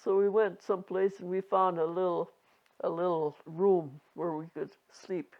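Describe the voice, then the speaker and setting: A very old woman in her nineties reminiscing casually, halting and rambling, with a creaky aged voice. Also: fairly low pitch, little pitch movement. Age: 90s. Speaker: interviewee. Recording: dull lo-fi home recording.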